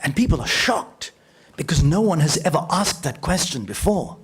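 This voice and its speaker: A man giving a storytelling lecture as a radio journalist, acting out dialogue vividly and slowing to a low voice for emphasis. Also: sing-song, husky. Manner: vivid, acts out dialogue with shifting pitch; slows down and drops low for emphasis. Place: lecture hall.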